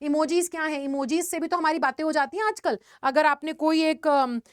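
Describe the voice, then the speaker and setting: A young woman teacher with an Indian accent, giving an animated exam-prep lesson and calling her students "beta". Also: high voice, brisk, no room sound, studio quality. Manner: animated, addresses students as beta, mixes English phrases.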